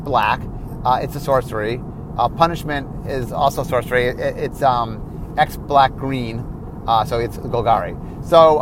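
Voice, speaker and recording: Tired guy rambling about card design, lots of ums and self corrections, faint car hum behind. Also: mid-range voice. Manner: explanatory, self-correcting, many fillers. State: tired, yawning. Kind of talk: solo podcast monologue.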